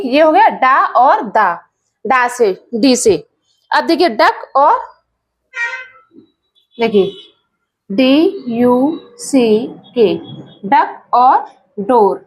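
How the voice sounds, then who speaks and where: Slow, patient woman with a high voice. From India. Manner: slow, patient, repeats words and spells them letter by letter. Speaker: teacher. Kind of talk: English pronunciation lesson.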